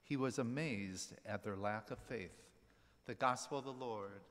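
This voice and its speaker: Man proclaiming the Gospel in a church. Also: medium pitch. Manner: steady, measured proclamation. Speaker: deacon reading the Gospel. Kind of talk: liturgical Gospel reading. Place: church sanctuary at the ambo. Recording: long hall reverb.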